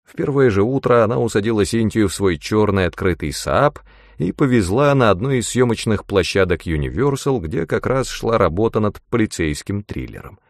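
A man narrating an audiobook in a calm, steady reading voice. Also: fairly low pitch, creaky, dry recording, clean studio sound. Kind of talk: scripted narration.

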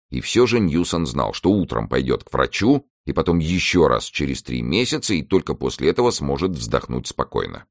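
A man narrating an audiobook in a measured, expressive reading. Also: rumbling low, no echo, clean studio sound. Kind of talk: scripted narration.

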